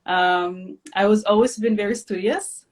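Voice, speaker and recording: A woman from Ethiopia in her thirties, hosting a casual live chat, relaxed and chatty with many fillers. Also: mid-range voice, a little slow. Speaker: host, physician.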